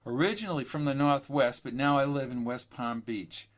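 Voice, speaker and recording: A man voicing a kind older woman tourist with a smooth, gentle voice in an audiobook. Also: mid-range voice, normal speed, lightly acted. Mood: kindly.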